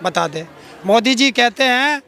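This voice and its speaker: Gravelly and sharp, his extremely high voice rises and falls with lively intonation at a measured pace. The middle-aged Uttar Pradesh farmer activist fires off sarcastic rhetorical challenges in a combative street interview. It's recorded outdoors in public, with a crowd faintly audible.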